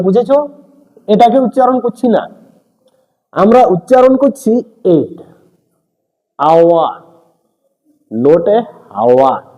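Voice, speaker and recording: A man's voice: sits high, a little mellow. A male teacher giving a grammar lesson, speaking straight to his students and checking again and again that they follow. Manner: speaks directly to students, mixing in English terms. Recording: echoey room with long reverb.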